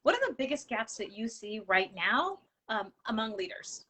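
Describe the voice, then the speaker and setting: A woman's voice: fairly high pitch, very animated, moderate pace, sharp tone, rough recording. A woman hosting an interview, enthusiastic and affirming, with many fillers like um and you know. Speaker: host. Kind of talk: interview conversation.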